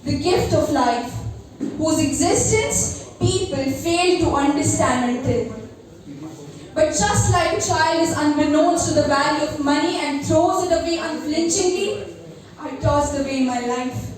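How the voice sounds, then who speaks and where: A seventeen-year-old young woman giving an earnest, dramatic spoken-word poetry performance at an open mic, with deliberate phrasing. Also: high voice, crowd noise. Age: teenager, seventeen. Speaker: amateur poet at a first open mic. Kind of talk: spoken-word poetry recital with personal introduction. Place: live open mic venue, recorded from a distance. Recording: very echoey room, distant mic, faint noise.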